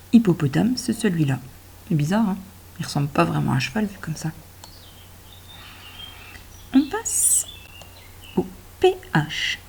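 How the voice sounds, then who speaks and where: Slow, patient woman teacher, warm and gravelly low voice, speaking to a child. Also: a little hiss or hum. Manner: slow, gentle, addresses the child directly, stretches words out. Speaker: primary school teacher. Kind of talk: reading and handwriting lesson for children.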